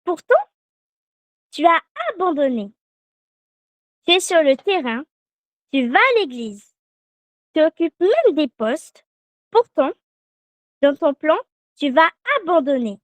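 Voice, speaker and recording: A woman's voice: high-pitched, big pitch swings, no room sound. A woman preaching a meditation to a children's prayer service, leading the group in repeating a verse. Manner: slow, deliberate, leads call-and-response repetition. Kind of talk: sermon.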